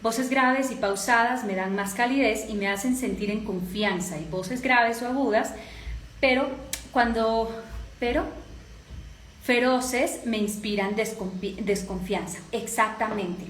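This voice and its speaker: Her voice is fairly high and fairly bright, a little slow, with slight background noise in an echoey room. She's a voice and speaking coach with a Latin American Spanish accent, lecturing step by step and often making sure listeners follow.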